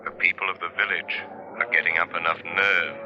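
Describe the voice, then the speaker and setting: An actor playing a mysterious, solemn and commanding avenger in a 1930s radio drama, intoning theatrically. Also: male voice, low voice, level tone, brisk, noisy background. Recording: dull 1930s radio recording with music.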